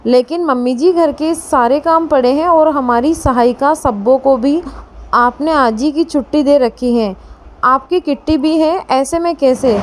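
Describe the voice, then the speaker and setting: A woman's voice: high-pitched, measured pace, a little hiss or hum. A woman voicing a shy young bride. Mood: earnest. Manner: polite, soft-spoken.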